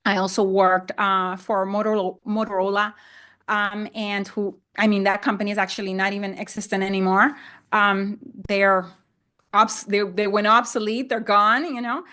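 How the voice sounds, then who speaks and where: A Honduran land investor in middle age, native in Spanish, talks casually as a podcast guest, often going back over her words and putting them differently. She speaks at medium pitch and normal speed, with a level tone that sounds pushed and bright.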